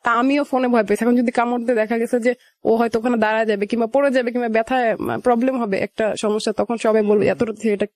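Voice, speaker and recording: A young Bangladeshi-accented woman tells her life story to an interviewer in a radio studio, chatting naturally and quoting past dialogue. Her voice is a little high and darkish, steady in tone and quick in pace, with no room sound.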